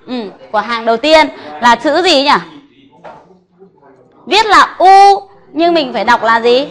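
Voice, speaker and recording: A woman's voice: sits high, a bit bright. A woman teaching a classroom Japanese lesson, patiently correcting students and drilling words.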